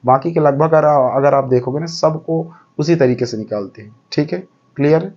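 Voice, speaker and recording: A man's voice: fairly high pitch, moderate pace, darkish tone, lo-fi sound. A man teaching a lesson step by step, counting aloud and often checking that the class follows. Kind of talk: explaining a lesson.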